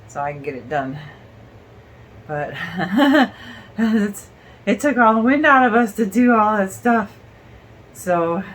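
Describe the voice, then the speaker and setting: Woman, breathless from illness, unhurried, halting with fillers, casual home vlog, faint noise behind. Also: on the low side, fairly bright tone, poor audio. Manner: rambling, halting with fillers and laughs. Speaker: vlogger. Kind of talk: casual chat to camera.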